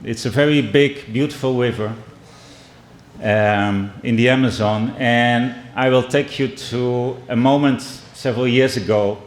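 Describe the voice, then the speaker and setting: A man's voice: medium pitch, steady tone. Dutch-born man with a Brazilian-tinged accent, giving a keynote. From Netherlands. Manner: measured, with frequent restarts and pauses. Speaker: keynote speaker. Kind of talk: keynote speech with storytelling. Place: indoor conference hall. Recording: echoey hall.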